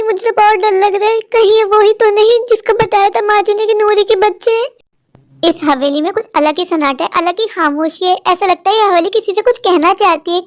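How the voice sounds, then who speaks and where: A woman voicing a fretful young mother who talks to herself in fear. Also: extremely high pitch. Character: worried young mother alone in a haunted house.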